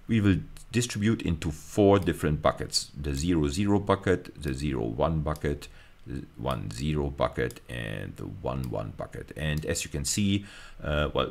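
A middle-aged university lecturer with a very deep, gravelly voice delivers an explanatory recorded lecture. He works through the material methodically, step by step, and repeats key phrases for emphasis.

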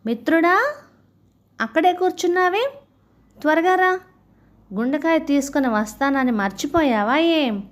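A woman's voice: high voice, expressive, normal speed, a little mellow. A woman reading a storybook aloud, voicing a scheming male crocodile who sweet-talks his friend. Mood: impatient. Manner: coaxing, sweet-talking. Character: scheming male crocodile, sly, fawning husband.

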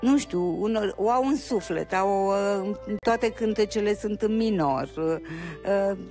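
An older woman talks as a guest on a TV studio show, warm and chatty, stopping to restart her thoughts. Her voice sits at an ordinary middle pitch. Faint music plays behind her. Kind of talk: casual chat.

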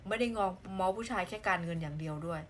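A woman's voice: lowish voice, racing, a little hiss or hum. A woman from southern Thailand chatting casually on a live stream, reading out viewer comments in a playful, exclamation-filled way.

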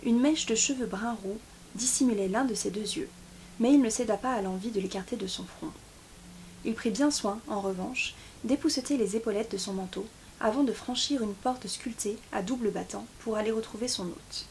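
Woman reading a book aloud, slightly high voice, steady pace, small slips, faint background noise. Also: moderate pace. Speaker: book YouTuber. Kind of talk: reading a novel chapter aloud.

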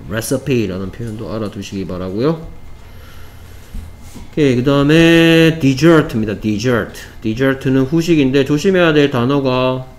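A South Korean man teaches English vocabulary to middle schoolers, working step by step and repeating the key words. He speaks at a moderate pace in a mid-range voice.

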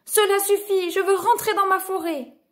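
A woman's voice: sits high, expressive, measured pace. A woman voicing a timid young male wolf in a children's storybook, shy and stammering. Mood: alarmed.

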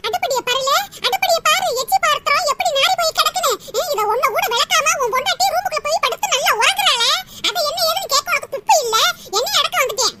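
Squeaky, nagging old mother-in-law. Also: expressive, fast talker, hardly any pauses, exaggerated voice. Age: older. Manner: scolding, nagging. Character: sharp-tongued old mother-in-law, quarrelsome. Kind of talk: cartoon comedy voice acting. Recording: loud background noise.

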